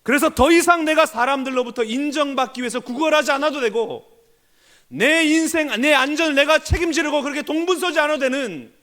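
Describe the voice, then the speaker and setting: A man's voice: very high-pitched, fairly quick, fairly bright tone. A man preaching a sermon as senior pastor in a church, earnestly putting questions to the congregation. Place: church sanctuary.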